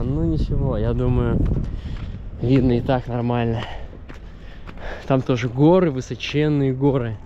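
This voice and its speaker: A thirties-aged man records a relaxed walking vlog at a seaside harbor, camera extended at arm's length, chatting loosely as he goes. He has a mid-range voice, and the recording's high frequencies are cut off. Background wind and street noise come through.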